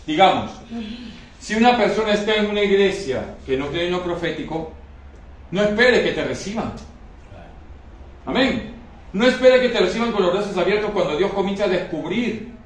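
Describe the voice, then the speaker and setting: A man's voice: high voice, animated, normal speed, pauses often. A man preaching a sermon emphatically, often asking the congregation whether they understand. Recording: very echoey hall, mic far off.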